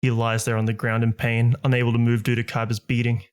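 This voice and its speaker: A man's voice: medium pitch, completely flat delivery, quick pace, smooth. Man narrating a story evenly. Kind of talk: scripted narration of fan fiction.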